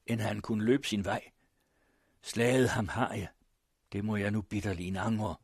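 A man's voice: on the low side, breathy edge, dry recording, clean studio sound. A man reading an audiobook, voicing an older village pastor, indignant and pleading. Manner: pleading, shaken.

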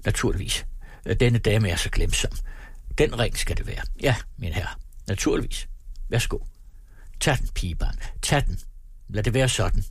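A man voicing a courteous, formal gentleman. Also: on the low side, pauses often, husky, dry recording. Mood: flustered. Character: composed gentleman shopping with his companion.

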